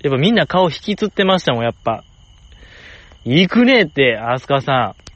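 Man, Kansai accent, casual solo chat, rambling and jokey, sudden high jumps for emphasis, mid pitch, dry close recording. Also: expressive, quick pace, a bit bright, dry recording, dull audio.

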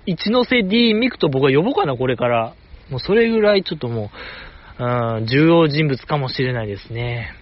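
Animated and fairly quick, this podcast host has a mid-range voice, and the highs of the recording are cut off. Alone at the mic, he gushes like a fan in a rambling, casual way, poking gentle fun at himself.

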